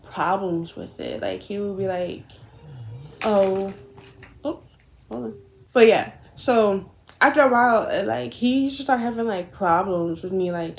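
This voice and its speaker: A young woman telling a storytime to her camera in a loose, rambling way. She piles on fillers like "like" and "um", acts out both sides of old arguments, and swears without a second thought. Her voice sits at an ordinary middle pitch for a woman. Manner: rambling, frequent fillers and quoted dialogue; blunt, swears casually. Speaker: vlogger. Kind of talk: casual storytime while doing makeup.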